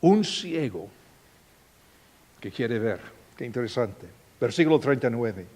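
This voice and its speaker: A man preaching a sermon as a pastor, with expressive delivery and dramatic swings in volume. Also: medium pitch, a little slow.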